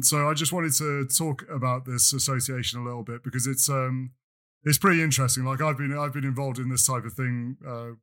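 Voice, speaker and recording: This podcast co-host, originally from Britain and now based in France, chats casually and meanders, often restarting sentences and leaning on fillers. His voice is mid-range and a bit bright.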